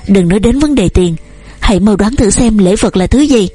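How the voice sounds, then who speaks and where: An eager, devoted young suitor pours out his feelings in long, earnest phrases, voiced by a woman. The voice is mellow and husky. Soft music runs under this storybook reading. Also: mid-range voice, lively intonation, normal speed, no room sound.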